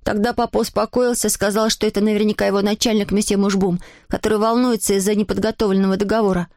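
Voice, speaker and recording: A woman reading a children's story aloud as an audiobook narrator, lively and expressive. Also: medium pitch, fast, no room sound, studio quality.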